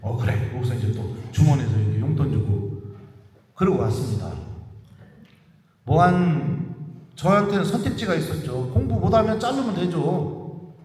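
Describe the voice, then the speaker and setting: A middle-aged male priest telling a story in a sermon, animated and acting out dialogue. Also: a little high, normal speed, pauses often. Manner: animated, acts out dialogue with rising loudness. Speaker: priest giving a special lecture. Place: large church. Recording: echoey hall, distant mic.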